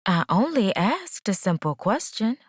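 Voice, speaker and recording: A woman's voice: medium pitch, sing-song, unhurried, slightly rough, no room sound, studio quality, pitched above the performer's own voice. A woman voicing a nosy young female cousin in an audiobook, with playful, sly teasing.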